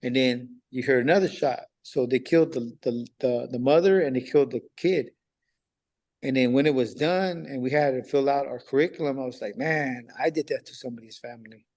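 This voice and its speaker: A man's voice: medium pitch, a little fast, darkish tone. Casual man telling a story. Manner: casual street talk, acts out past dialogue, repeats himself. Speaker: podcast guest recently released on parole. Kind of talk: telling a personal story in conversation.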